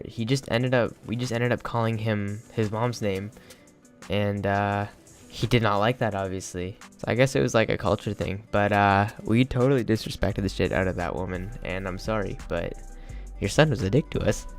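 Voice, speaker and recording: A man's voice: on the low side, fairly even intonation, normal speed, soft background music. A young man telling a crude, joking story in a rambling, casual way, full of fillers.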